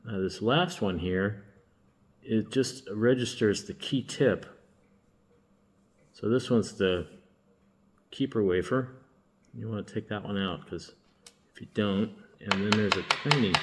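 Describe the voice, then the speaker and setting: A man with a fairly low voice walks through a hands-on locksmith demo. He talks in a relaxed, halting way, pausing and restarting as he works with his hands. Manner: relaxed, halting, thinks aloud while working. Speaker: locksmith demonstrating key making. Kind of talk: casual hands-on demonstration.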